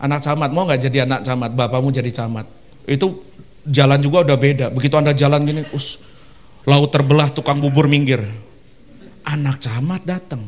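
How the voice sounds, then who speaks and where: A male pastor preaching in a church service, lively and animated, leading the congregation in call-and-response and slipping in playful asides. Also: medium pitch, fairly quick. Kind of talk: sermon.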